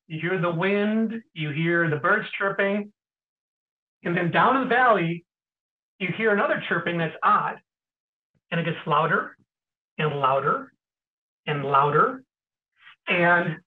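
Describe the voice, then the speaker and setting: A middle-aged man, an interview guest, tells stories in a casual way, often clearing his throat and pausing with fillers. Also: high-pitched, lively intonation. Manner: anecdotal, frequent throat clearing and hesitant fillers. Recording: tinny phone-like sound.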